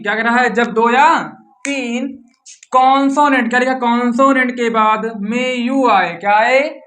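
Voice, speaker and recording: A man's voice: extremely high pitch, fairly bright tone. A male teacher with a Hindi accent giving an English pronunciation lesson, repeatedly asking his students questions and answering them himself.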